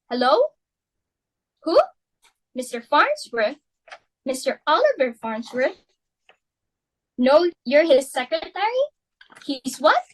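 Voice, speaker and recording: The audio is poor, but a woman's high, heavily acted voice comes through as alarmed. She performs a stage-play role as a bossy, status-hungry mother and hostess, delivering it with imperious, scolding melodrama.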